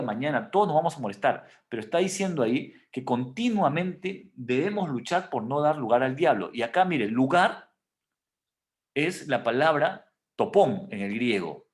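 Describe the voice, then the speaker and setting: Guy teaching bible class, animated pitch, explains slowly and keeps checking students follow. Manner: explanatory, frequent "o sea" and "¿ok?" check-ins; answers students' questions.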